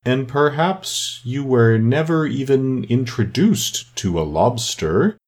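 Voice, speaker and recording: A man voicing a weepy, sentimental sea turtle in a children's storybook, with slow, drawn-out, mournful delivery. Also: medium pitch, expressive, a little mellow, pitched above the performer's own voice.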